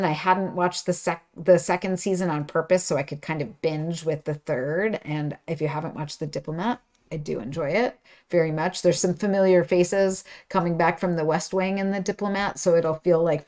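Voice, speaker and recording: A woman's voice: lowish voice, mellow. A woman hosting a knitting livestream from her studio, chatting casually and rambling through asides. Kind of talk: casual live-stream chat.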